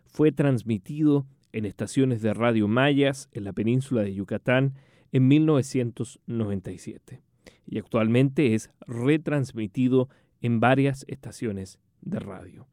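A man reading a scripted introduction to a radio interview he conducted, in a measured way. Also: mid-range voice, darkish tone, no room sound, studio quality.

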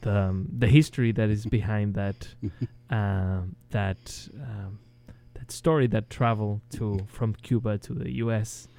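Chilean male guest, non-native English, slow, clear voice, hesitant. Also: lowish voice, fairly even intonation, faint music behind. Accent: Chilean Spanish. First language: Spanish. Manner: hesitant, many ums and restarts, chuckles softly. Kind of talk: interview, casual chat.

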